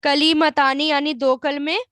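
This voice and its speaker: A woman's voice: high voice, little pitch movement, fairly bright tone, no echo, clean studio sound. A woman with a Pakistani Urdu accent teaching an Arabic grammar class, drawing out and repeating words and answering her own questions. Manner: explains slowly, drawing out words and repeating them; asks the class questions and answers them herself. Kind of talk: online class lesson.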